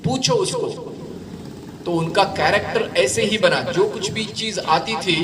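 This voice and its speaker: Animated male lecturer in an echoey hall. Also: sits high, measured pace, noisy background. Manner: lively, conversational storytelling with asides to the audience. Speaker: spiritual speaker. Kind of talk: storytelling lecture. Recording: echoey room, distant mic, crowd. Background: audience.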